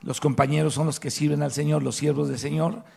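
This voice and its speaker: A man's voice: on the high side, flat delivery, a little fast, gravelly, mellow, husky. A man with a Mexican Spanish accent preaching a sermon to his congregation, emphatic and asking rhetorical questions. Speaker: pastor. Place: church hall.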